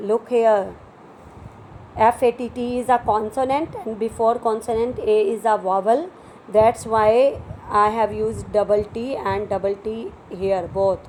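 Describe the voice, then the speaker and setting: Slow, deliberate Indian English teacher woman. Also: a little high, darkish tone, slight background noise, low-quality recording. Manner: deliberate, explains step by step with repeated checks. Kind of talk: classroom grammar lesson.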